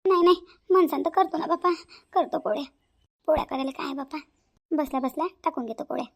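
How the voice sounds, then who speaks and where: A woman's voice: high-pitched, fast talker, gravelly. A woman doing a whiny, sly young wife. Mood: falsely offended. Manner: whiny, drawling, wheedling. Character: lazy scheming young woman feigning illness.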